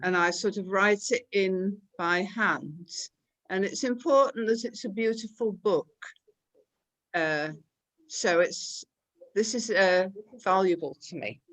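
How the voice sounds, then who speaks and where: A woman on a video call speaks slowly and thoughtfully, with pauses. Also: mid-range voice, a bit bright. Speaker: workshop participant. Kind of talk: personal storytelling.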